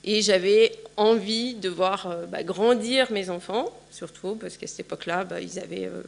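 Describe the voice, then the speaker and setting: In a big conference hall, a Frenchwoman in her forties talks casually and leans heavily on fillers. Her voice is mid-range and gravelly at a normal speed, and the recording carries a little hiss or hum.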